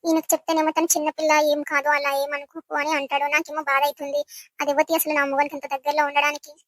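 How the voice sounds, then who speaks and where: A woman's voice: sits high, flat delivery, racing, no room sound, close to an everyday voice. A woman voicing a hurt, sulking young wife in a village comedy skit, complaining about her husband. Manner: complaining, aggrieved.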